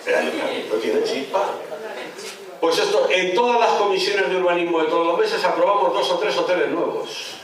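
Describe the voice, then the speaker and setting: A man's voice: high voice, steady tone, a little fast, few pauses. Man at a political rally, fiery and mocking, recorded from a distance in a reverberant hall. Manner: impassioned, sarcastic, rhetorical questions. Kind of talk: rally speech. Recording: echoey hall, mic far off.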